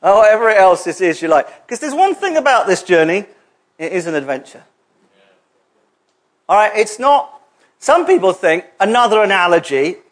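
Chatty high-voiced preacher. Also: male voice. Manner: conversational, jokey preaching with asides. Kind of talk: sermon. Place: church hall.

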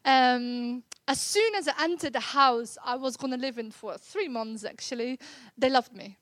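A woman's voice: high-pitched, moderate pace, fairly bright tone, dry recording. A woman in her thirties from the Netherlands with a Dutch accent, earnestly sharing her faith testimony in casual conversation, with frequent fillers and restarts. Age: 30s.

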